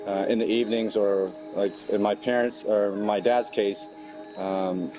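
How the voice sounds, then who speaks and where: A middle-aged man from Cambodia speaks in a lowish voice, reflective and halting, often restarting his sentences. Clear music plays under his interview, as in a documentary. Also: fairly even intonation, low-quality recording. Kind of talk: documentary interview, recounting memories. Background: background music.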